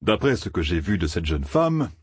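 Audiobook role: male reader doing an old wandering gleeman, deliberate, husky-edged, dry close sound. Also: low-pitched, sing-song, no echo, full character voice. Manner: slow, weighty counsel. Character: old traveling gleeman, cloaked, measured and wary.

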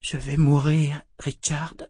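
A man reading a terrified young woman's lines in an audiobook, in a hushed, breathless voice. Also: on the high side, steady tone, takes it slowly, slightly rough, no echo, studio quality, voice pushed up, exaggerated voice. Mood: pleading. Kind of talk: audiobook character voice.

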